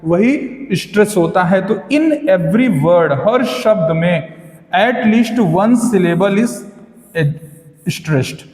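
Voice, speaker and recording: A man's voice: sits high, lively intonation, a little mellow. Indian male teacher for a video lesson, keeps repeating and quizzing, long room reverb. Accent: Indian English. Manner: slow, repetitive, quizzing the viewer. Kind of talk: video lesson, mixing Hindi and English.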